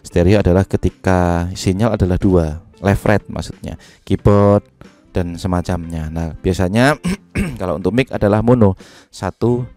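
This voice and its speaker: Man, low and mellow, calm studio tutorial tone on a studio mic. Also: moderate pace, soft background music. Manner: relaxed, step-by-step explaining with fillers. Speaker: music production tutor. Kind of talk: software tutorial. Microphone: studio microphone into a sound card.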